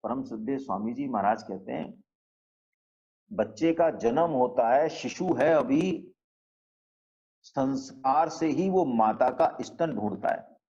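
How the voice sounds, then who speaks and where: Man, mid-pitched, teaching a scripture class at an unhurried pace, often asks rhetorical questions, dull lo-fi sound. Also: animated, warm tone. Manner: slow, explanatory, with frequent rhetorical questions and "है ना". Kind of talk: spiritual scripture lesson.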